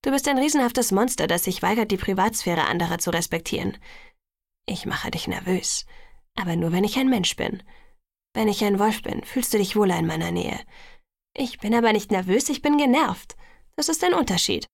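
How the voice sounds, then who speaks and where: A woman's voice: mid-range voice, lively intonation, normal speed, vocal fry, no echo, clean studio sound. A woman voicing an anxious, guilt-ridden young woman in an audiobook, defensive and self-reproaching. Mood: sharp.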